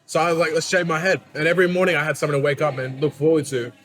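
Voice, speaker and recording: A man's voice: fairly high pitch, rapid-fire, fairly bright tone, soft background music. A young man hosting a food challenge with casual, blunt, chatty banter. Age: young adult. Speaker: host asking questions in a food challenge.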